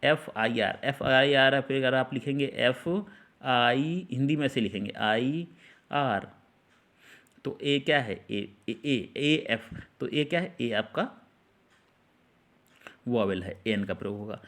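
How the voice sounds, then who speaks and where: In a classroom-style Hindi lesson on English articles, a male teacher speaks at an ordinary middle pitch with a fairly bright tone. He goes slowly through each example, repeats the key sounds, and keeps asking his students questions.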